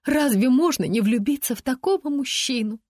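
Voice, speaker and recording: A woman voicing a gushing, naive woman who speaks high and earnestly in an audiobook. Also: moderate pace, dry recording, studio quality. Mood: swooning.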